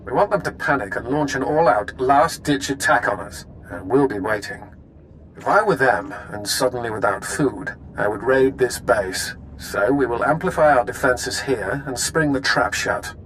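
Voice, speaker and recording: An actor playing a ruthless, commanding imperial military officer in a video game, with clipped, menacing authority. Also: male voice, medium pitch, lively intonation, moderate pace, a bit bright, slight background noise, lightly acted, low-quality recording. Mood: scheming, stern.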